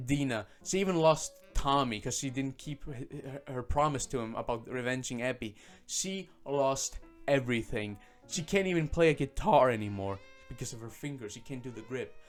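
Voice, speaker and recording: Sarcastic man ranting about a game. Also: a little high. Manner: sarcastic, profane, many fillers. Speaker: game reviewer. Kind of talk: casual ranting review.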